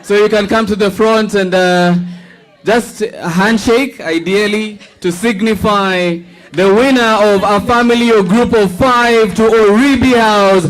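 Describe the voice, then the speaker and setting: A man's voice: high voice, measured pace, a faint crowd. A man emceeing a live raffle draw at an event, playful and teasing, calling numbers like an auctioneer.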